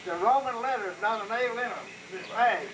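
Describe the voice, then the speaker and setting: An old man, casually reminiscing in a rambling, halting, folksy way on a noisy outdoor recording. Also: very high voice. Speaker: grandfather recalling his childhood home. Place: outdoors at an old log house. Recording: noisy outdoor amateur camcorder sound.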